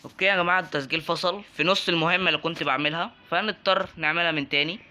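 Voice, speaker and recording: A young man with an Egyptian Arabic accent gives let's-play commentary in a bright, sharp, slightly high voice. He talks casually and jokes with his viewers. He breaks into excited yelps when enemies attack. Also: very fast. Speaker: gaming YouTuber.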